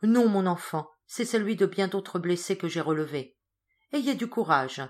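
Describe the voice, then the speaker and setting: A woman reading the part of a kindly elderly churchman, speaking gently and reassuringly in an audiobook. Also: on the low side, animated, moderate pace, close to an everyday voice. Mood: consoling. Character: kindly elderly male churchman, calm and consoling.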